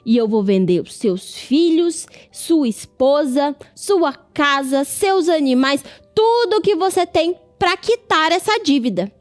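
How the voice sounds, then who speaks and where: A woman's voice: high-pitched, lively intonation, takes it slowly, hardly any pauses, soft background music. Woman voicing a stern Brazilian king. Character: stern then merciful king, adult man.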